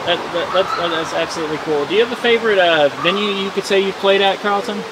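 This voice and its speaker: A man's voice: sits high, fast talker. A man hosting a casual interview, upbeat and using slang. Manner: upbeat, uses slang like "dope". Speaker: interviewer host. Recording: loud outdoor traffic noise.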